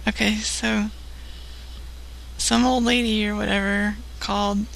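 A woman hosting a late-night stream in casual, loosely thrown-together chat. Her pitch is mid-range with a lot of vocal fry. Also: level tone, unhurried, low-quality recording. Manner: loose, unprepared, chatty. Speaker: host.

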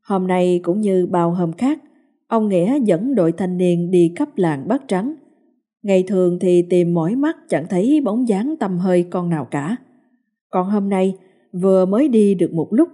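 A woman reading a ghost story in a steady, dramatic storytelling manner. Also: lowish voice, slightly rough. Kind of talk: scripted ghost story narration. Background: soft music.

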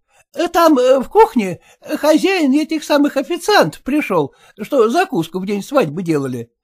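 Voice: sits high, big pitch swings, normal speed. A reader voicing a simple woman cook, a servant who fusses anxiously in plain folksy speech, in a storybook reading. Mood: reporting.

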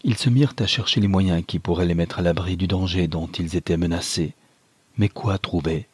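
Low, husky male audiobook narrator. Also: moderate pace, dry recording. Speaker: audiobook reader. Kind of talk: scripted narration of a novel.

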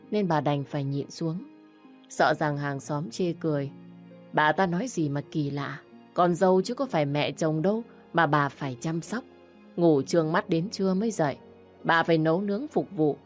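A woman with a low voice reads a story aloud in steady, even narration. Soft music plays faintly behind her.

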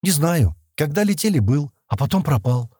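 A man doing stranded young woman, high, hesitant, sighing, husky, dry close sound. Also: sing-song, moderate pace, dark tone, no echo. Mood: bewildered. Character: confused young woman on a crashed ship's screen.

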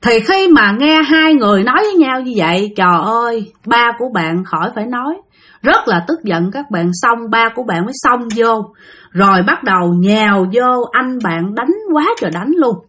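Brief: dramatic woman storyteller, slightly high-pitched. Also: expressive, moderate pace, a bit bright. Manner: dramatic, addresses listeners directly. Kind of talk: spoken ghost and life story retelling.

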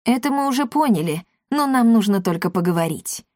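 A woman voicing a calm, unflappable male companion who reasons evenly. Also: on the high side, brisk, dry recording, studio quality, natural voice.

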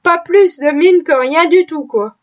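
A woman's voice: very high-pitched, measured pace. A woman voicing a proud, talkative, pious female cook who chatters in a folksy, exclaiming way. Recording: slightly dull lo-fi recording.

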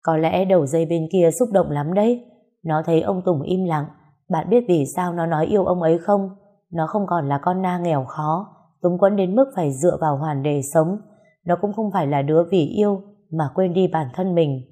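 Low, mellow-voiced woman narrating a story. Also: moderate pace.

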